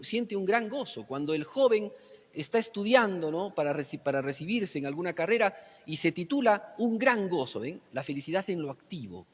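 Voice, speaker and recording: A fairly high-pitched man delivers a teaching sermon. He keeps asking his listeners rhetorical questions and swings between loud, emphatic lines and quiet, low ones. His voice rings with a long hall reverb. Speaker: preacher.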